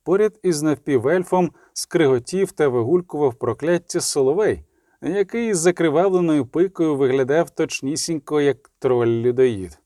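Man narrating an audiobook, mellow tone. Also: on the high side, moderate pace, no room sound, studio quality. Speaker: audiobook reader.

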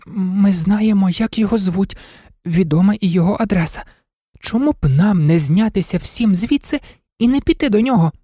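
A man's voice: high-pitched, moderate pace, warm tone, no room sound, clean studio sound, voice pushed up. Man voicing a timid little toy dog.

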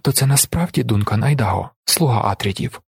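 A man's voice: mid-range voice, lively intonation, a little fast, creaky, slightly rough, no echo, clean studio sound, heavily acted. A man voicing a cunning, menacing male shapeshifter who bargains and threatens in a gloating, silky way in an audiobook. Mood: gloating menace. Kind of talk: audiobook character voice.

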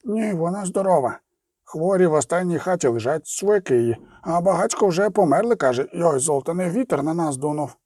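A frightened young gnome blurting out breathless, shaky reports, as a man reads him in a story. His voice jumps high and low with a mellow tone. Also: expressive, brisk, dry recording, studio quality. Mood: scared. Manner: breathless, trembling. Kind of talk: audiobook character reading.

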